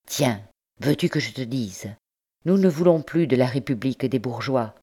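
A woman's voice: extremely low pitch, animated, moderate pace, mellow, breathy edge, full character voice. A woman reading the part of an impassioned young male revolutionary in an audiobook, grave and fervent.

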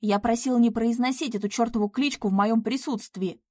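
A woman voicing a cold, controlling man who speaks calmly and curtly. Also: a little high, moderate pace, no echo, studio quality. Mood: cold dismissive. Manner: calm, hard and curt.

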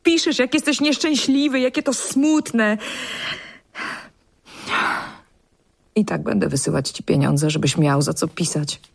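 A woman's voice: medium pitch, gravelly. An actress in a radio drama playing a devoted woman who pleads insistently with the poet she loves. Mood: reproachful. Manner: pleading, insistent, slow and deliberate.

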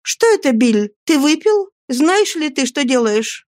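Woman doing a shrill, desperate young woman. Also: big pitch swings, a little slow, darkish tone, dry recording, clean studio sound. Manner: shrill, pleading, insistent.

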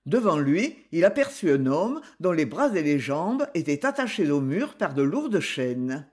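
A man narrating an adventure audiobook in an expressive, dramatic reading style. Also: fairly high pitch, a little slow. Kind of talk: scripted narration.

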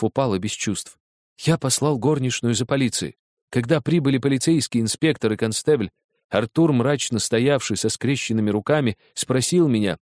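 A man narrates in the first person at a measured, storytelling pace. His pitch sits in a middle range for a man. The close studio mic gives a dry sound with no room around it. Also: darkish tone, no room sound. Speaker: audiobook reader.

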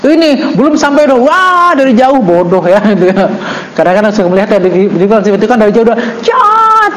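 A man teaching an Islamic book study. He reads Arabic text slowly, then explains it with joking asides. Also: extremely high pitch, sing-song, roomy sound, noisy background. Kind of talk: religious book study lesson.

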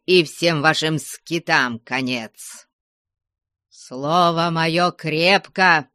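A woman voicing a stern, angry old merchant father who shouts threats at his family in an audiobook. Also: deep voice, dry recording, clean studio sound. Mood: threatening.

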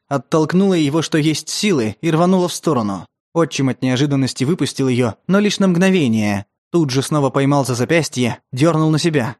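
A man narrating a tense story in a steady, scripted audiobook style. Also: a little high.

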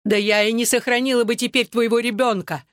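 Reader doing a bitter crying wife, pitched up, yelling, dry sound, audiobook. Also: normal speed, no echo, lightly acted. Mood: screaming. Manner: shouting, tearful, bitter. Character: furious betrayed wife, adult woman. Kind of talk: audiobook narration.

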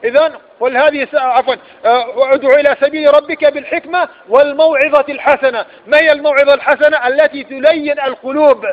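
High-voiced Egyptian preacher, lo-fi. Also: male voice, fairly even intonation, fast talker. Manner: rhetorical questions, emphatic repetition. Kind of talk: religious lecture. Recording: dull lo-fi recording.

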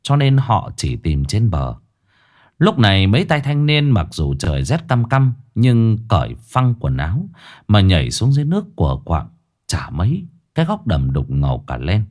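A male storyteller, telling a ghost story in a low voice. His delivery is dramatic and swings hugely in pitch from line to line. He speaks bluntly and drops in coarse slang. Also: very animated, normal speed, a little mellow.

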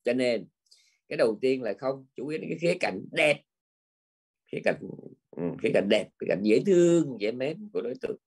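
An older man delivers a Buddhist teaching in an easy, conversational manner. His voice is husky and sits at an ordinary middle pitch. He keeps checking in with the listeners through short tag words as he explains. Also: animated, fairly quick, pauses often. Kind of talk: dharma talk.

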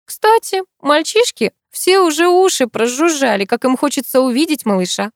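A bubbly young wife, impulsive and affectionate, chattering in a high, eager voice, as a woman narrator puts her on. She sounds lively and emotional, a good deal higher than the narrator's own reading. The sound is dry and close. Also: normal speed, no room sound.

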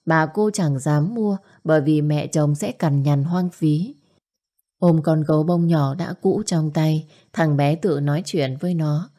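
A woman narrating an audio story in a steady, even read. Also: deep voice, unhurried.

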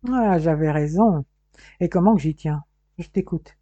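A woman's voice: sits low, a little slow, warm tone, no room sound. A woman reading the part of a playful young man teasing his brother with pushy questions. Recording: dull, muffled dry recording.

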